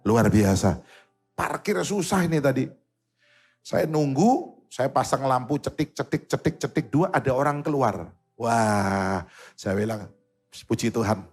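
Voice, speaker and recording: A man with an East Javanese accent preaching a sermon, an animated and joking storyteller who slips into Javanese words. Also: mid-range voice, slightly rough. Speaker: pastor. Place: church service in a mall event hall.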